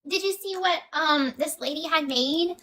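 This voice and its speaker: A woman's voice: high-pitched, moderate pace, bright, forceful tone. A young woman hosting her own livestream, chatting in a bubbly, friendly way. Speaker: livestream host. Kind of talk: casual livestream chat.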